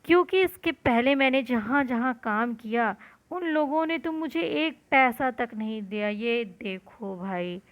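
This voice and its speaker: A woman's voice: a little high, expressive, measured pace, hardly any pauses. A woman teacher explaining a story lesson to students, glossing words and repeating lines. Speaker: school teacher.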